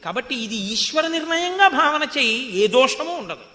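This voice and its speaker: A proud demon king brags about his riches and power one boast after another, as a male preacher voices him in his own telling. The voice sits high and sounds sharply bright. A long hall reverb trails every line. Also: big pitch swings, moderate pace, full character voice. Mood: coaxing. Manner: bragging list of conquests.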